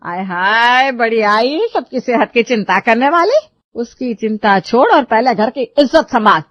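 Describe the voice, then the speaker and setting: A sharp-tongued, old-fashioned mother-in-law, voiced by a woman in a cartoon story, scolding in a loud, high, shrill voice. The recording is dull and lo-fi, and very dry. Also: expressive, unhurried, no room sound.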